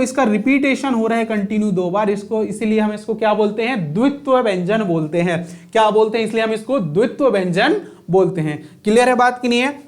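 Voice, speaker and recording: A man teaching a grammar lesson, often repeating key terms as questions to his students. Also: high voice.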